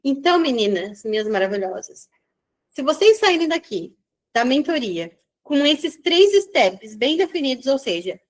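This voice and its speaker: High-voiced chatty woman mentor. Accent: Brazilian Portuguese. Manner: chatty, animated storytelling with quick asides. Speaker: business mentor. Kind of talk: online mentoring session.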